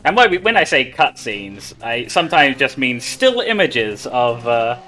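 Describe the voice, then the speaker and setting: A speedrunner at a gaming marathon offers casual live commentary while racing through a video game, with game music playing behind him. His medium-pitched male voice moves through big pitch swings at an unhurried pace, and his tone is sharp.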